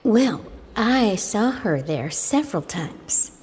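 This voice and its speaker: An actress playing a matter-of-fact 1920s witness recounting events on the stand. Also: female voice, mid-range voice, very animated, slow pace, a little mellow. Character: plain-spoken 1920s courtroom witness.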